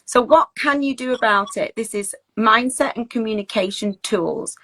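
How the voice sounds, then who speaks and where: A woman who coaches teachers on well-being and hosts the show gives informal advice in a chatty, reassuring, conversational way, acting out example phrases along the way. Her voice is fairly high and fairly bright, at normal speed.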